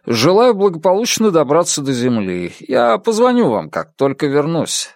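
Male narrator playing a cautious, evasive scientist, a bit higher, animated. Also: moderate pace, gravelly, no room sound, clean studio sound. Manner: cautious, hesitant, slightly raised voice.

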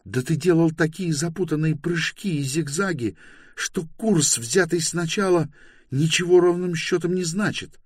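A man voicing a sarcastic, quick-tempered young woman in an audiobook. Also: on the high side, slightly rough, no echo, studio quality, pitched above the performer's own voice. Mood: heated. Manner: sarcastic, quarrelsome. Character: sharp-tongued young woman, quick to flare up.

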